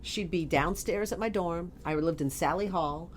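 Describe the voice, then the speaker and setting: Low-voiced woman telling a lively story. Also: moderate pace, a little hiss or hum. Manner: animated, laughing, acts out quoted voices. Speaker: guest. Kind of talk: casual storytelling in a podcast interview.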